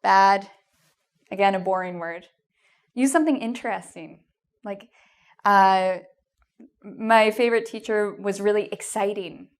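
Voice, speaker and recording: In this video lesson on an English exam, a Canadian woman with a mid-range voice talks at a measured pace, pausing at length. She encourages and reassures her students, frequently using "um" and asking "okay?"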